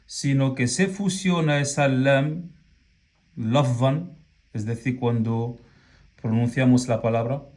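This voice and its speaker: A man's voice: medium pitch, a little mellow. A man teaching a lesson, explaining patiently and checking in often with the listener. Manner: patient, drawn-out examples with frequent "¿ok?" check-ins. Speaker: Arabic teacher. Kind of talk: slow classroom explanation.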